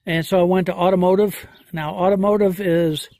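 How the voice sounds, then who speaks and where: A man doing a hands-on repair walkthrough outdoors, talking slowly and folksily with many fillers as he thinks aloud. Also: high-pitched, fairly even intonation, a little mellow, no echo. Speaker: homesteader vlogger. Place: outdoors in a yard.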